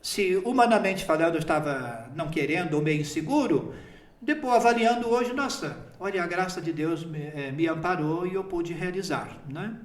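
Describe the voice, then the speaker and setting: A priest in his fifties tells his story in a relaxed, chatty way. His voice sits a little high for a man. It echoes around the room he is recorded in. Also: normal speed. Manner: chatty storytelling, often breaking into laughter. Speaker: priest named bishop. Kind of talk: recounting a personal story in an interview.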